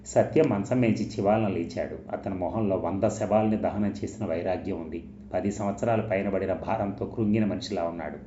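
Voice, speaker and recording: A man narrating a novel aloud in steady, measured storytelling, in an echoey, dull recording with a faint hiss. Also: deep voice. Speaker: audiobook narrator.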